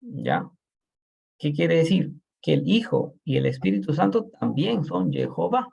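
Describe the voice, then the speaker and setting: A man's voice: a little high, sing-song, a little slow, vocal fry, warm tone, breathy edge, lo-fi sound. A man teaching an online Bible class, who explains patiently and keeps checking in with his students.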